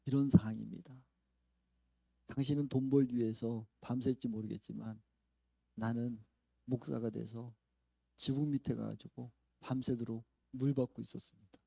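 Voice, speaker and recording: A male pastor giving a conversational sermon, telling a story with swings from hushed to loud and frequent laughter. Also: mid-range voice, fairly even intonation, moderate pace, gravelly, no echo. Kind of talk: conversational sermon with acted-out quotes. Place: church sanctuary.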